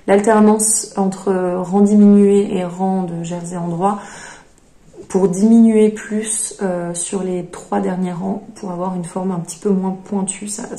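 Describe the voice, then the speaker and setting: A woman's voice: mid-range voice, dark tone. A woman hosting a knitting podcast, chatting casually as she shows her projects, with many fillers and hesitations. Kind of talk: casual show-and-tell chat. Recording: echoey room.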